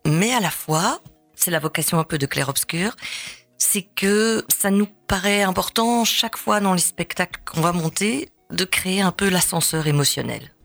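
A woman's voice: fairly low pitch, animated, normal speed, vocal fry, a bit bright, no echo, faint music behind. A woman theatre director guesting on a radio show, explaining her work and sometimes searching for words. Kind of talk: radio interview chat. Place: radio studio.

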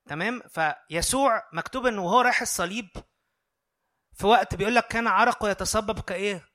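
A man's voice: sits high, quick pace, sharp tone. A man preaching a sermon in an Egyptian Arabic accent, earnest and conversational, often checking in with his listeners.

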